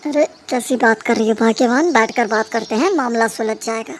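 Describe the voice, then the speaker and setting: A woman's voice: fairly high pitch, fairly quick, close to an everyday voice. A woman voicing a pompous older father-in-law who talks dismissively and coaxingly. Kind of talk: cartoon voice acting.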